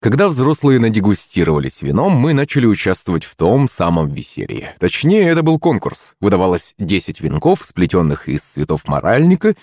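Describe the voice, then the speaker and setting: A man reading a story aloud in the first person, expressive and lively. His voice sits low but swings widely in pitch. The recording is dry and close. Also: brisk, hardly any pauses, no echo. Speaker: narrator. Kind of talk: scripted audiobook narration.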